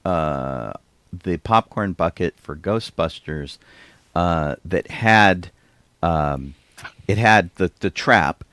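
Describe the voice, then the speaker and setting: A man's voice: low voice, expressive, slow, a bit bright, dry recording. A man co-hosting a podcast, chatting casually and telling rambling stories with small chuckles. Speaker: podcast co-host. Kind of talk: casual chat.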